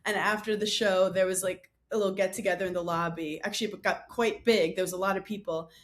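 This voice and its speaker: A young adult woman, a podcast guest chatting casually, telling stories in an animated, self-mocking way. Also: mid-range voice, fast. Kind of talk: casual chat.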